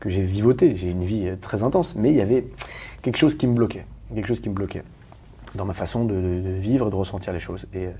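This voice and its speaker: A man from Paris, a guest talking candidly in an interview, rapid and emphatic with many restarts and questions to the listener. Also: fairly low pitch, dark tone, a little hiss or hum. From Paris, France.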